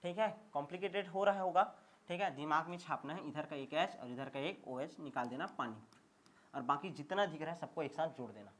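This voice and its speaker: A man's voice: on the high side, a little fast, fairly bright tone. A man teaching a chemistry lecture, drilling his class by asking each question twice and often checking they follow. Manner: call-and-response drilling, repeats questions and answers; emphatic, checks understanding often.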